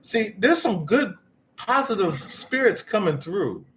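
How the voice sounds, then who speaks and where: A man hosts a casual livestream in a slightly high voice. He is folksy and joking as he chats to his audience. A light layer of noise sits behind him. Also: big pitch swings, unhurried, a bit bright. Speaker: livestream host. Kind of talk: casual chat to viewers and spirits.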